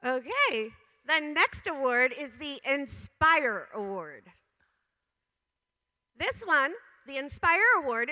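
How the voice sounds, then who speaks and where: A slightly hoarse woman with a high, bright voice presents awards in upbeat, stretched-out calls. She sounds like she is in a large indoor venue, and her voice rings with a long reverb from the hall. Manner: upbeat, drawn-out announcements to a crowd. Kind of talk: announcing awards at a tournament.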